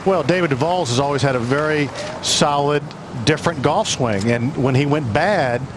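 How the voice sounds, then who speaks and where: A man's voice: a little high, normal speed. A man working as a golf commentator, giving live analysis of swings and shots. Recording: loud outdoor background noise. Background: loud outdoor noise.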